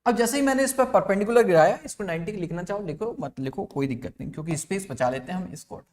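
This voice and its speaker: A man's voice: sits high, lively intonation, quick pace, a little mellow. A young man teaching a physics class online, mixing Hindi and English and often asking the class questions.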